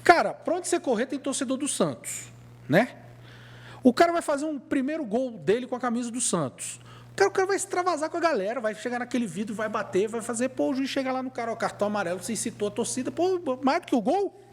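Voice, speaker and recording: A man's voice: very high voice, sing-song, quick pace. A man with a Brazilian Portuguese accent co-hosting a podcast, chatting about football in a casual, emphatic, colloquial way. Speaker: podcast co-host. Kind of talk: casual sports chat.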